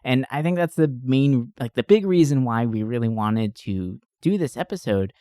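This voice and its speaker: Here a podcast host riffs informally on movies and games, using loose slang, lots of "like" and "you know," and some swearing. His mid-range voice is animated and dark-toned at a moderate pace, captured in clean studio sound without echo.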